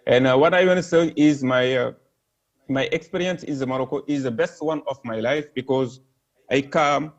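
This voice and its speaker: A Senegalese man whose first language is French speaks on a panel in a halting live stream, his medium-pitched voice carrying some gravel at a moderate pace. He is earnest but hesitant, full of fillers and restarts, and apologizes for his English. The stream audio is dull and lo-fi.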